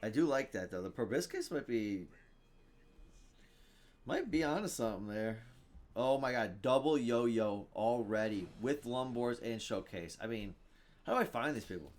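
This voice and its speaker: A man's voice: mid-range voice, lively intonation, normal speed. A man casually commentating his own card game, thinking aloud, reading item text and groaning at bad luck. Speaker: gaming streamer.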